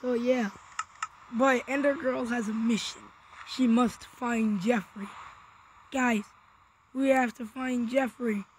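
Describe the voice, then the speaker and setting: A woman's voice: on the high side, fairly even intonation, slow pace, long pauses, slight background noise, poor audio. A woman hosting a gaming video, giving let's play commentary and yelping in panic during fights. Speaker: gaming channel host.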